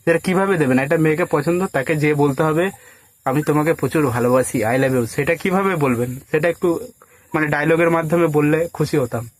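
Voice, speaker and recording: This man's voice is slightly high and a bit quick, with no room sound around it. Posing as a film casting agent on a prank call, he coaxes and directs the person in a relaxed, persuasive manner.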